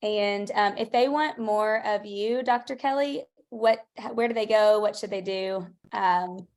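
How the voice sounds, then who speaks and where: A woman with a gravelly, mid-pitched voice hosts a video call. She is effusive and full of thanks, and she laughs easily. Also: fairly even intonation, measured pace, darkish tone. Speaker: host.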